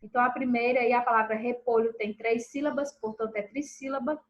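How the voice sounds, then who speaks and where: A woman teacher going through a recorded review lesson for pupils, checking in with them after each answer and stressing syllables slowly and clearly. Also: a little high, fairly even intonation, dull audio.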